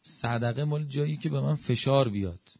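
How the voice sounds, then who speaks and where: A man preaching a religious sermon in a conversational, lively way that rises to emphatic peaks. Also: mid-range voice, vocal fry, no echo, highs cut off.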